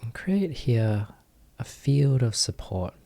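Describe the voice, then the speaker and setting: A man acting as teacher leads a guided meditation in soft, gentle short phrases with long pauses. His mid-range voice has vocal fry and is very animated.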